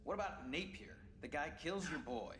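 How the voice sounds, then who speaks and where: A man's voice: fairly high pitch, animated, normal speed, fairly bright tone, faint music behind. An actor playing a menacing, corrupt male prison guard, contemptuous and threatening, in a dramatic video game. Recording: echoey, very noisy room ambience.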